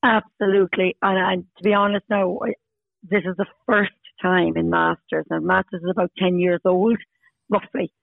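A woman's voice: on the low side, fairly even intonation, moderate pace, vocal fry, no room sound. A woman in her fifties with an Irish accent from Munster, chatting emphatically in a casual interview, often repeating herself for stress. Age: 50s. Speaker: podcast guest, Masters hockey player. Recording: tinny phone-like line.

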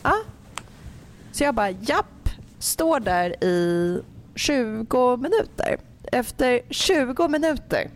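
A woman in her thirties in casual chat, telling a story animatedly and acting out the people in it. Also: a little high. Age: 30s. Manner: animated, acts out quoted exchanges.

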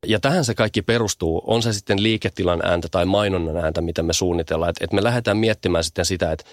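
A man's voice: deep voice, dry recording, clean studio sound. A man speaking as a guest, explaining how sound affects people in a thoughtful conversational way, often repeating small words as he thinks.

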